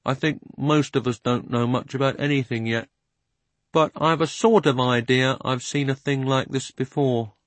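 A man voicing a talking horse who speaks slowly and thoughtfully, as if recalling a dream. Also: a little high, no echo, pitched above the performer's own voice, lightly acted. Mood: musing. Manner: slow, musing. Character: slow, thoughtful male cab horse.

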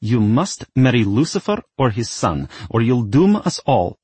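A man's voice: medium pitch, very animated, normal speed, slightly rough, no room sound, voice pushed up. A man reading a story, voicing a stern, scheming middle-aged mother who scolds her daughter. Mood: cold. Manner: curt, scolding.

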